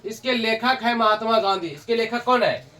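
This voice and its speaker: A man's voice: high voice, moderate pace, pushed and bright. A young man teaching a classroom lesson, repeating points, quizzing students, scolding and joking with them. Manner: repetitive, drills students with questions. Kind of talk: classroom lecture.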